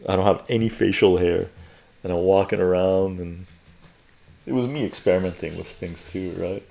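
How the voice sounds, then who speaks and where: A man's voice: low-pitched, normal speed, vocal fry, a little hiss or hum. An older man from Canada's West Coast chatting casually on a home live stream while peeling garlic, rambling and repeating phrases. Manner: relaxed, rambling, repeats phrases, laughs often. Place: living room at home, indoors.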